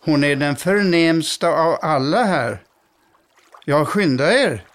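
A man's voice: high voice, a bit bright, voice pushed up. A man reading aloud, voicing a bossy, anxious mother duck who hurries and fusses. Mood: fussing. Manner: hurried, fussing, defensive.

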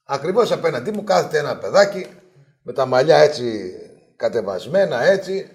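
Man telling lively sports stories. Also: on the high side. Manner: animated anecdotes, acts out quotes. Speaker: sports journalist guest. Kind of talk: casual storytelling interview.

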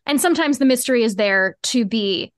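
In a clean studio recording with no room sound, a woman with a fairly high, expressive voice speaks briskly as a podcast guest. She explains her creative work informally, dropping filler like "like" and "cool" throughout this casual chat about craft.

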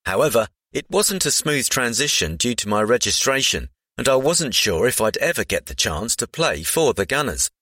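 Bright-voiced man, lively read. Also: medium pitch, moderate pace, few pauses, dry recording, studio quality. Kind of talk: scripted narration, reading a profile aloud.

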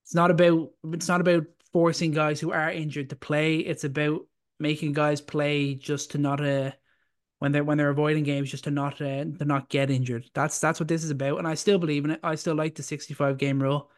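Male co-host, slightly raised pitch, even delivery, stammery but firm sports takes. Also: clean tone. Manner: stammering starts, then firm opinions. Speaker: podcast co-host. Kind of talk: casual sports talk.

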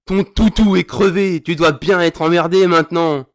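A man's voice: fairly high pitch, fairly even intonation, moderate pace, lightly acted. A man playing a furious vengeful sergeant. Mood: menacing. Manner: snarling, taunting, swearing. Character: grieving vengeful male sergeant, furious, crude. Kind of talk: audio drama acting.

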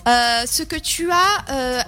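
High-voiced giggly woman giving clues. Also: bright, forceful tone, faint music behind. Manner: giggly, gives quick clues. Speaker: co-host. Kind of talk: casual game-show banter.

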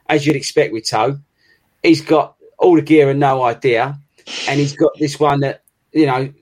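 A British man with a fairly high voice for a male. He banters casually as a co-host, rambling and teasing as he goes. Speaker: podcast co-host.

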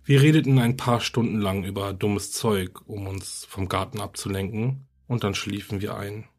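Husky low-voiced man reading a horror story. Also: steady tone, normal speed, darkish tone. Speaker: podcast narrator.

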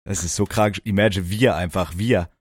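A man's voice: sits low, steady tone, normal speed, slightly rough, no room sound, studio quality. A young man co-hosting a podcast, joking crudely and teasing his friend in casual chat. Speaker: podcast co-host.

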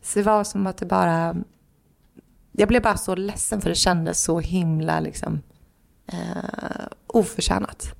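A woman co-hosting a podcast tells a personal story in casual conversation, animatedly acting out what others said in quotes. She leans heavily on fillers like "liksom" and "du vet," and her voice is low and gravelly.

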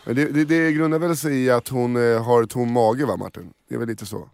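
A man hosting a morning studio show in easy, joking banter, tripping over his own words and laughing between lines. His voice sits at an everyday middle pitch. The sound is close and dry, with no room around it. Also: fairly even intonation, gravelly, darkish tone, no echo. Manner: jokey, stumbling restarts, laughs often.

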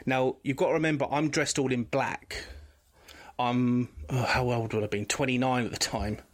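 A man's voice: mid-range voice, steady tone, moderate pace. A man, a podcast guest telling a personal story candidly, rambling with frequent restarts. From England.

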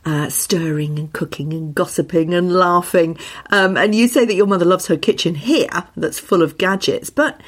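A woman hosting a conversational interview, asking long, reflective questions. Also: lowish voice. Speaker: podcast interviewer.

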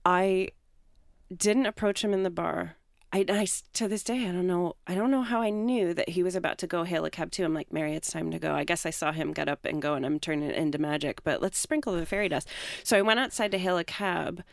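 A young woman tells a story on a podcast in casual chat, animated and quick to laugh. She acts out the lines she quotes. The sound is dry and close, with no room echo. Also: on the low side. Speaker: podcast co-host telling a story.

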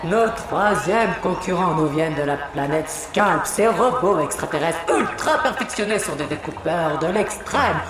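A performer voicing a showy stadium announcer in a children's audio story, heard booming over huge loudspeakers and calling out introductions with sing-song flourishes. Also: expressive, a little slow, hardly any pauses. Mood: showy announcing. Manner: grand, sing-song introductions with bursts of shouting. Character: showy, theatrical tournament announcer. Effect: amplified announcer voice booming over huge stadium loudspeakers. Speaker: stadium announcer at an intergalactic contest. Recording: echoey loudspeaker sound with music.

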